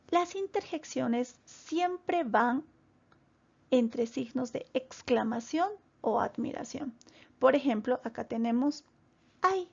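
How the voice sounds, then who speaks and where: A woman teaching a grammar lesson to children, explaining slowly and deliberately and addressing them directly. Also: high voice, creaky, slightly rough, highs cut off. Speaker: primary school teacher.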